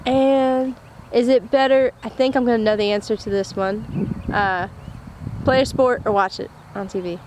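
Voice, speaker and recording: A woman interviewing a coach, answering with short, upbeat reactions and asking quick questions. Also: a little high, fairly even intonation, darkish tone. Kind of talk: casual interview. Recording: outdoor recording with faint traffic noise.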